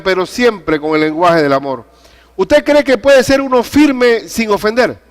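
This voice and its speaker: Older male pastor, higher-pitched voice, animated storytelling sermon. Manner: animated preaching with storytelling and questions to the congregation.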